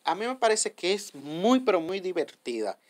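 A man's voice: sits high, big pitch swings, moderate pace, dry recording. A man hosting a step-by-step app tutorial. He explains patiently, repeats himself, and keeps checking in with his viewers. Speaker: tutorial host.

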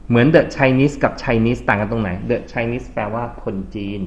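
A male English tutor speaks at medium pitch in a steady, slightly slow way as he teaches classroom grammar, quizzing students often and using English terms in his explanations. The dull lo-fi recording carries slight background noise.

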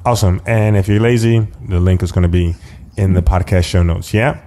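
A man's voice: sits low, fairly even intonation, brisk, mellow. A man hosting a podcast in casual interview style, upbeat and playful, often repeating words for emphasis. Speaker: podcast host.

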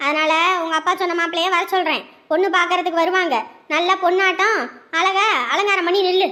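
A woman's voice: very high-pitched, level tone, fairly quick, sharp tone. A woman acting a stern, distrustful mother in a family drama, scolding as she talks. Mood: suspicious. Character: stern scheming middle-aged mother, suspicious.

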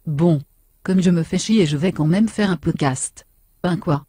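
Woman acting out a crude, smug young woman, dark husky tone, comic machinima lead. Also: on the low side, a little slow, dry recording, studio quality. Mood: brash. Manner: brash, insulting, self-satisfied. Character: vain crude foul-mouthed young woman.

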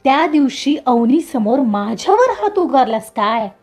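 A woman's voice: high voice, big pitch swings, measured pace, darkish tone, faint music behind, full character voice. A woman voicing an arrogant young man who bullies and threatens a rival in a storybook reading, taunting and swaggering.

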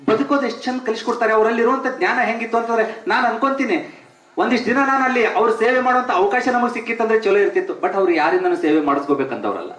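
A man's voice: high voice, fairly bright tone, echoey room. A man from Bijapur with a North Karnataka accent gives a devotional tribute speech as a teacher, speaking emphatically and repeating phrases for stress. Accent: North Karnataka Kannada.

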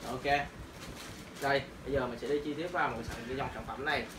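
A man's voice: mid-range voice, steady tone, fast. Young guy demoing boxing gloves, rambling with lots of fillers, noisy roomy camera mic. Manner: casual, many fillers and repeated "đó". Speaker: martial arts shop presenter. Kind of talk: product demo. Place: small room in a shop, indoors. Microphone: camera on tripod a few meters away. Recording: roomy, distant camera audio with noise.

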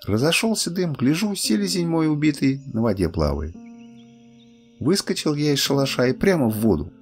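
An older man narrating a bedtime story in a lively, expressive way. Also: mid-range voice.

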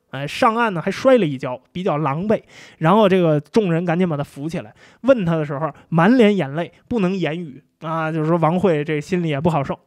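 High-voiced chatty male storyteller. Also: darkish tone, dry recording, studio quality. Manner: chatty, many fillers and drawn-out particles. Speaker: history storyteller. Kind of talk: casual history storytelling.

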